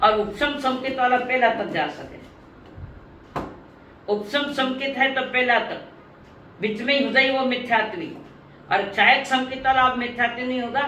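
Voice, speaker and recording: A woman teaching a religious lesson to an online class. She speaks slowly and deliberately, repeats her points and calls on her students by name. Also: high voice, bright, forceful tone, echoey room, recorded from a distance, slight background noise, rough recording.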